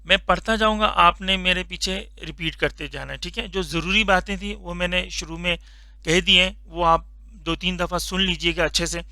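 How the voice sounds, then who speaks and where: A man teaching a Quran reading lesson, slowly drawing out each letter sound for learners to repeat, patient and instructive. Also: high-pitched, fairly even intonation, sharp tone, dry recording. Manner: slow drawn-out recitation of letter sounds for repetition. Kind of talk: Noorani Qaida tajweed lesson.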